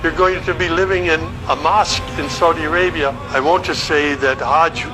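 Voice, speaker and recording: A middle-aged man from the United States telling his conversion story in an earnest, reflective way, pausing with fillers. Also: on the high side, steady tone, rough recording. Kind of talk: personal testimony. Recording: music bed underneath.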